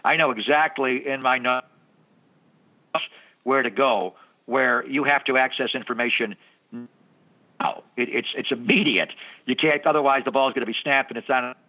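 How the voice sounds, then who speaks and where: A man in his fifties talks over a muffled, lo-fi phone line that keeps cutting in and out. He explains things in a matter-of-fact, step-by-step way, like the sports play-by-play broadcaster he is. His voice sits at an ordinary mid pitch. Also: normal speed, long pauses, sharp tone. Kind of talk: phone interview.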